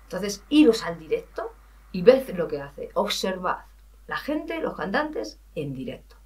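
A woman's voice: lowish voice, unhurried, distant mic. A woman from Spain with a Spanish accent, a singing teacher talking casually and animatedly on a podcast, acting out her students' lines. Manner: animated, chatty, acts out students' lines, laughs at herself.

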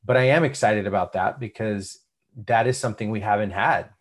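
A man's voice: on the low side, a little fast. A man co-hosting a podcast, talking reflectively and hesitantly over a remote call. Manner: reflective, hesitant, many fillers and restarts. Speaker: podcast co-host. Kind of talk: casual podcast chat. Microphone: remote call recording.

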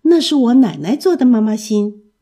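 A woman's voice: fairly high pitch, very animated, normal speed. A woman voicing a kind, patient male schoolteacher in a storybook. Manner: gentle, patient.

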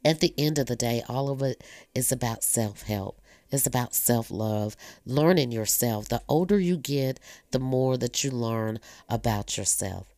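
A woman in her fifties, a blogger, speaks in a very deep, dark, expressive voice at a measured pace. Talkative, earnest and personal, she reflects candidly on her family and faith in a clean studio recording without room sound.

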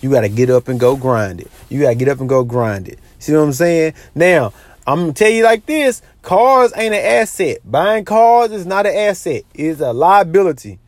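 A man's voice: on the high side, expressive, moderate pace, no echo. A man giving casual, lecturing money advice, repeating his points and checking in with his listeners. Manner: repetitive, lecturing, says "you know what I'm saying" a lot.

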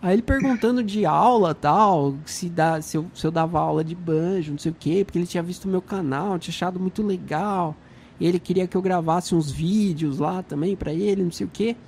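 A man, chatting casually as a guest musician, telling relaxed stories full of slang and fillers. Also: high voice, a little fast, creaky. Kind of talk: casual chat.

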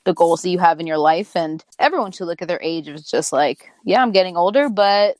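Woman, twenties, casual chat, lowish voice, lots of "like" fillers, dry close sound. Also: fairly quick, a little mellow, dry recording. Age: 20s. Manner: reflective, many "like" fillers. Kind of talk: casual chat among friends.

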